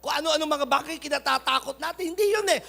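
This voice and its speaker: A man preaching a sermon, swinging between loud urging and quiet asides. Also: very high voice, fast talker, gravelly, soft background music. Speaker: pastor.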